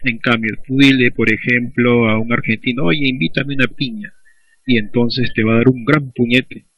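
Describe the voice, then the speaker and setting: A man's voice: mid-range voice, flat delivery, moderate pace, breathy edge, dry recording. A man with a Peruvian accent, a school teacher giving a recorded class lecture, who explains by asking and answering his own questions. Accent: Peruvian Spanish. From Peru. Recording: dull lo-fi recording.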